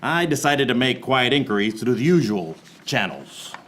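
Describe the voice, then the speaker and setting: An actor plays a wisecracking, hard-boiled private eye, narrating a noir parody radio play in a deadpan, wry manner. The male voice has medium pitch and a moderate pace, with noticeable background noise.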